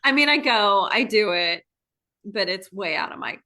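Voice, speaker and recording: Bright-voiced middle-aged woman, relaxed guest. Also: medium pitch, normal speed. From Maryland. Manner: friendly, relaxed, many fillers and restarts. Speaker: guest real estate agent. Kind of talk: casual conversational interview.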